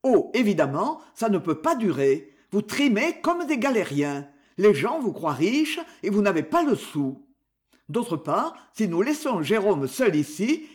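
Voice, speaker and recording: A fussing, blustering older uncle frets and coaxes his family, as a man reading the story aloud plays him. His voice is lively in pitch and unhurried. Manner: blustering, animated. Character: agitated older uncle, blustering but tender.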